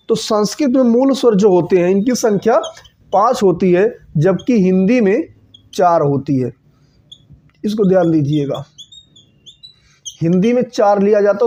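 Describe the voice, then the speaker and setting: A man's voice: sits high, dark tone. A man teaching an exam-prep grammar lesson who keeps checking in with his listeners and asks questions he then answers himself. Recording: dull lo-fi sound.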